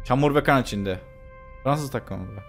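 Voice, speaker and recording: A young man chats his way through a war game as he plays, joking and stalling with filler sounds. His voice sits at a middle pitch, with faint music playing under it. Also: normal speed. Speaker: gameplay commentator. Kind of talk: casual let's-play commentary.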